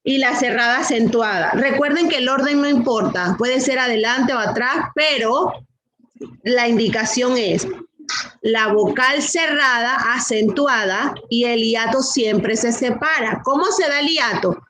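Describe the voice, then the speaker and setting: A middle-aged woman teaches a class with a high voice. She takes her time, going word by word and asking her students the same question again and again. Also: fairly bright tone, rough recording. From Latin America. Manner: slow, patient, repeats rules and questions. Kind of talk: online class lesson.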